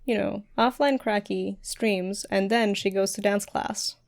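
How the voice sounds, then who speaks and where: A young woman talks as a guest on a podcast, relaxed and easygoing. She giggles between thoughts, and her voice sits in a mid pitch for a woman. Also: a little slow, creaky. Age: young adult. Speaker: streamer and dance teacher, podcast guest. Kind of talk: casual podcast chat.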